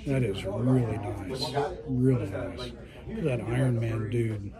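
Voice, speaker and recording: A vlog host, a man with a medium-pitched voice that runs a little slow, records a tour of a crowded hobby shop on his handheld phone. He rambles casually and appreciatively as he walks, while the busy chatter of the shop fills the background.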